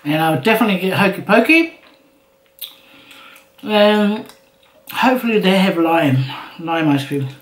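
A woman's voice: on the low side, animated, measured pace, long pauses, a little hiss or hum. A middle-aged woman chatting casually as a mukbang host, talking between mouthfuls with appreciative hums. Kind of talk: casual chat while eating. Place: indoor room at a table. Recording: roomy echo, clinking dishes.

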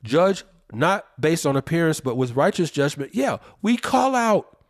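A man's voice: a little high, big pitch swings, a little slow. A man co-hosting a podcast, talking in an emphatic, preacherly way and drawing out the words he stresses. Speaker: podcast co-host. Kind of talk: opinionated podcast commentary.

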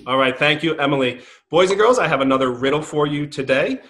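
A man's voice: on the high side, animated, fast talker, a bit bright. A middle-aged man speaking to children as host of a school morning announcement. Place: living room, indoors.

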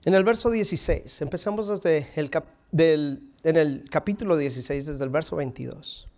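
A man in his thirties delivers a sermon from a stage in a fairly high voice. He preaches with animation, leaning into strong lines and then falling to hushed, intimate phrases. The room mic picks him up from across the stage. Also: normal speed. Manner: animated preaching, dropping to near whispers for emphasis. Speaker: pastor. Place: stage in front of a curtain, indoors.

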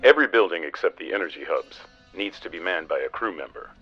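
An actor playing a steady, pragmatic spaceship captain, giving serious military briefings in a scripted game. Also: male voice, sits low, fast talker, dull audio, soft background music. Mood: instructive. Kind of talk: scripted game mission dialogue.

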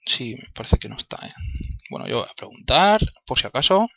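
Brisk and very animated, a young Spanish-accented man from Spain voices his let's play commentary in a gravelly, pushed, bright mid-range voice on a dry recording. Exasperated, he mutters to himself and swears a lot while he plays.

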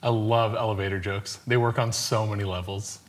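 A man in his thirties with a fairly low voice delivers short puns in a conversational way. He stays deadpan, holding a straight face through each one. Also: brisk. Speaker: contestant in a joke-telling challenge. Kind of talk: telling short pun jokes conversationally. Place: indoor studio set.

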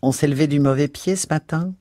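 A man voicing a brassy, nosy middle-aged cleaning woman in an audiobook, with a loud, scolding manner. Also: fairly high pitch, fairly quick, dry recording, clean studio sound, pitched above the performer's own voice, close to an everyday voice. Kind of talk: audiobook character voice.

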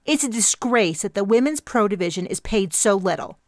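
A fiery young woman in her twenties corners people with her grievances, jabbing out each point. Her voice runs high and insistent with a gravelly grain, as a woman narrator puts her on. It is recorded close and dry. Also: lively intonation, no echo, natural voice. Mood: indignant. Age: 20s. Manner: insistent, accusatory, rapid-fire pitch. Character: intense young woman activist, pushy and indignant.

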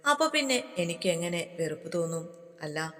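A woman's voice: fairly low pitch, sing-song, normal speed, a bit bright. A woman reading the lines of a playful, scolding young wife in a romance story. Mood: teasing. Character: teasing, affectionate young wife. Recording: long hall reverb.

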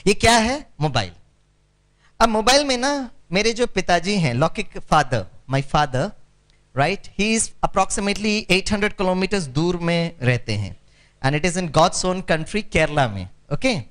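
Animated man lecturing. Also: sits high. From Kerala, India. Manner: animated, mixes Hindi and English, calls for audience responses. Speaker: meditation speaker. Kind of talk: spiritual lecture to an audience.

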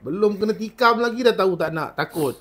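A man's voice: sits high, animated, a little fast, fairly bright tone. A man working as a spiritual healer, mockingly scolding and teasing a possessing spirit during a healing session.

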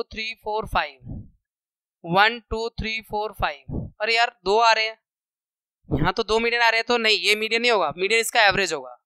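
A man's voice: sits high, bright, forceful tone, clean tone, no room sound. A man teaching a maths lesson to schoolchildren, explaining step by step, counting numbers aloud and checking in often.

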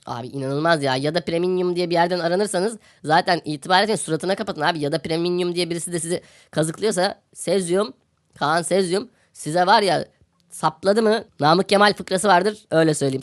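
Fast-talking sarcastic male podcast host. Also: fairly high pitch. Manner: sarcastic, ranting, repeats phrases for comic effect. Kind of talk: satirical news commentary.

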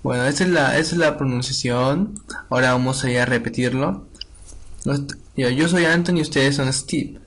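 Young man, language teacher, steady explanatory delivery. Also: medium pitch, a little hiss or hum. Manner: reads dialogue lines aloud slowly and repeats them. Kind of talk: online language lesson.

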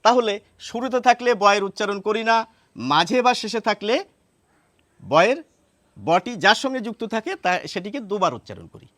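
A man teaching a lesson, explaining step by step and repeating words slowly to show how they sound. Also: high voice, big pitch swings, fairly bright tone, no room sound. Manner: explains step by step, asks rhetorical questions.

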